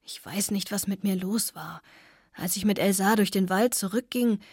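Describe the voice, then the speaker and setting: A woman with a husky voice reading the lines of a middle-aged father, hushed and quiet. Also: medium pitch, normal speed, no room sound, clean studio sound. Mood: remorseful. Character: remorseful middle-aged father, shaken and pleading.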